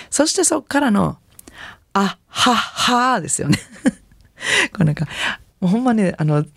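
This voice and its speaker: A woman radio host and jazz singer with a Kansai accent, chatting in a relaxed, gently encouraging way between songs. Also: sits low, creaky, husky, no echo, studio quality. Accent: Kansai Japanese.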